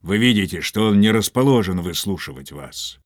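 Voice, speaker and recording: A phlegmatic mercenary captain, as a man plays him answers calmly with a wry dryness. His voice stays low and even in a dead, close recording. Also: normal speed, dry recording, natural voice. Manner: calm, unflappable, wry. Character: phlegmatic male mercenary captain, dry humor.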